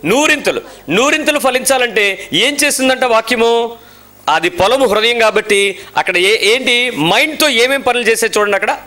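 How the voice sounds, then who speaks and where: A man preaching a lively sermon in church, firing rhetorical questions at his listeners and slipping English phrases into his speech. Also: extremely high pitch, normal speed. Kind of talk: sermon to a congregation.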